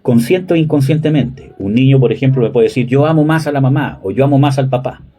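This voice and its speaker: A man in his thirties preaching a sermon in a conversational way, often checking with listeners and pausing on fillers. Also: medium pitch, mellow. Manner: conversational, frequent "¿cierto?" and "¿me entiende?" checks; hesitant fillers, "¿cómo se llama?". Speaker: pastor.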